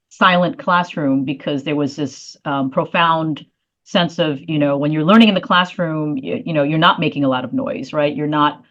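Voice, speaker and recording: A woman's voice: deep voice, highs cut off. A woman from South Korea answering interview questions thoughtfully, with frequent fillers and restarts. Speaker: guest, leadership consultant.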